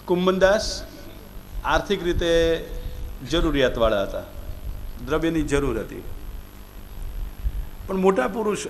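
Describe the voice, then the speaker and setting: A man with a Gujarati accent delivers a devotional discourse in a voice pitched somewhat high. He often puts questions to his listeners and slows down to stress key words. A faint background hiss sits under the recording. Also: animated. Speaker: Bhagavat katha preacher.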